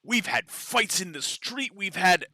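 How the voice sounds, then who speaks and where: A man voicing the weary, angry human woman's head of a two-headed creature, speaking in a shrill, accusing way. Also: moderate pace, gravelly, sharp tone, no room sound, full character voice.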